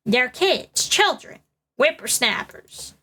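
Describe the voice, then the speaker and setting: A woman's voice: sits high, big pitch swings, slow pace, pushed and bright, slight background noise, full character voice. A woman voicing a cranky, gossipy old woman security guard in a scolding old-lady drawl, reading game dialogue aloud. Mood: grumbling.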